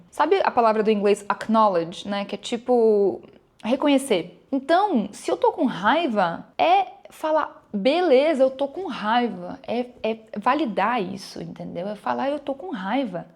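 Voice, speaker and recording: A woman's voice: on the high side, darkish tone. Chatty Brazilian woman podcaster. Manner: chatty and reflective, calls listeners "gente", acts out inner dialogue. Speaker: podcast host. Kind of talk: casual solo podcast talk.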